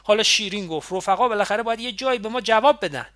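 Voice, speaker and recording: A man's voice: sits high, voice pushed up. A man reading an earnest young man who argues urgently and insistently. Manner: urgent and insistent, rising to loud protest.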